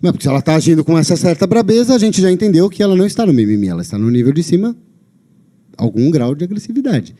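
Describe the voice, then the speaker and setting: A man with a Brazilian Portuguese accent lectures on a lapel mic, his fairly high, mellow voice swinging widely in pitch. He talks with emphasis and keeps checking in with his listeners. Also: big pitch swings, racing. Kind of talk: live talk to an audience. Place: lecture venue.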